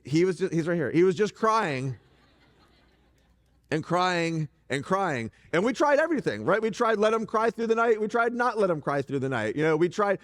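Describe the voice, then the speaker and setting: A middle-aged man preaches from a church stage in a chatty, conversational way, tossing jokes and asides to the congregation. His voice sits high for a man. A long reverb from the hall trails each phrase. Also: normal speed. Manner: animated, joking asides to the congregation. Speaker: pastor. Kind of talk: conversational sermon.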